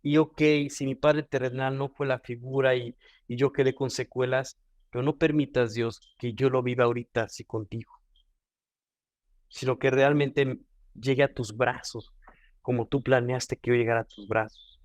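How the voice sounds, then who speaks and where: Mexican male devotional speaker, mid-pitched, earnest, dry close sound. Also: steady tone, moderate pace, dry recording. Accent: Mexican Spanish. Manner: earnest, repeats and restarts phrases. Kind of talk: devotional teaching.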